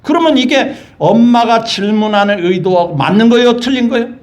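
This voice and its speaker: High-voiced pastor preaching. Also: male voice, moderate pace. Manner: lively, keeps asking the congregation questions. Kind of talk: sermon. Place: church sanctuary.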